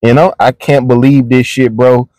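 A man's voice: mid-range voice, little pitch movement, moderate pace, mellow, no room sound. A man giving casual, mocking reaction commentary, blunt and heavy with profanity. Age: adult, a father. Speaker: religious commentator.

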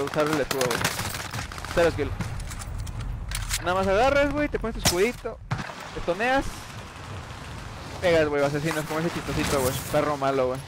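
A man's voice: on the high side, background noise. A man with a Mexican accent, live-streaming a game in a casual, slangy, chummy way, thanking viewers by name. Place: home gaming setup. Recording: loud in-game gunfire behind voice.

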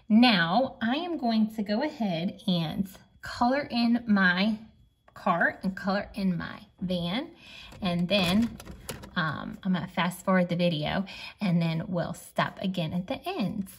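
A woman teacher giving a gentle drawing and phonics lesson for young children, sounding out letters slowly. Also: medium pitch, husky.

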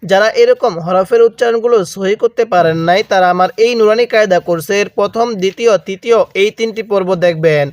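A man's voice: high-pitched, no room sound. A man teaching Quran letter pronunciation with a Bangladeshi Bengali accent, patiently drilling each sound and asking listeners to repeat after him. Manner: patient, repeats each letter slowly and asks the viewer to read along. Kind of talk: slow recitation lesson with call-and-repeat drills.

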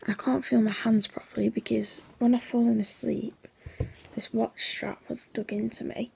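A young woman chatting casually in a vlog, her voice hoarse and nearly gone, half-whispering and sleepy, rambling with lots of fillers. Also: on the high side, little pitch movement, normal speed, dark tone, slight background noise. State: sleepy, yawning. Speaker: vlogger.

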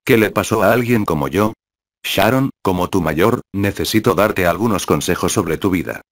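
A man's voice: low-pitched, lively intonation, moderate pace, no echo, studio quality. Wu Yan, a smug shameless young man, as read by a man.

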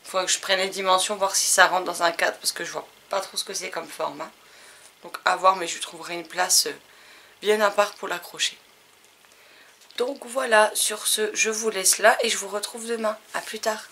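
A woman's voice: lowish voice, sharp tone, slight background noise. A woman from France chatting casually to camera as she unboxes advent calendar gifts, enthusiastic and often trailing off with fillers.

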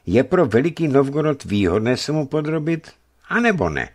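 A man's voice: mid-range voice, very animated, pitched above the performer's own voice. A man reading aloud, voicing a stout, stern older boyar governor who speaks in a commanding way. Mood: probing.

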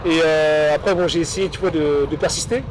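A man in his thirties with a fairly high voice and fairly even intonation talks a little fast about street flirting, hesitant and full of fillers and restarts. As a street pickup learner, he mixes a street approach with a casual debrief. He's outdoors on a busy city street with traffic, passersby and a crowd making noisy background.

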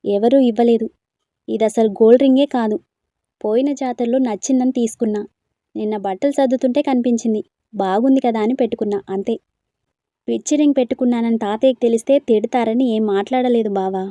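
Stubborn snappy young woman in a storybook, a lady voicing her, mellow highish voice, dry sound. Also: fairly even intonation, brisk, no room sound, muffled recording, natural voice. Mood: dismissive. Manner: sharp, scolding retorts. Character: young woman, stubborn and quick-tempered village girl.

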